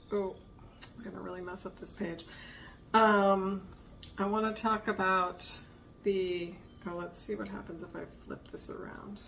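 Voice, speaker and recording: A woman's voice: mid-range voice, a bit bright, a little hiss or hum. A woman giving a casual, rambling show-and-tell as an art vlogger, thinking aloud as she goes.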